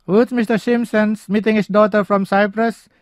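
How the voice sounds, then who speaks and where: A man's voice: high voice, little pitch movement, moderate pace, dry recording, clean studio sound, close to an everyday voice. A man playing a formal airport announcer reading scripted paging announcements.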